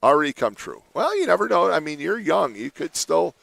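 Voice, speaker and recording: In a radio studio, a man hosting a morning show trades casual banter with his co-host, laughing often and slipping into playful mock voices. His voice is on the high side, gravelly, and fairly bright, and he's very animated and a little fast. There's no room sound.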